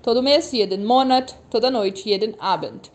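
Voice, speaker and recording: A woman's voice: on the high side, moderate pace. A young woman teaching German, speaking patiently and repeating phrases for learners. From Brazil. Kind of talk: language lesson.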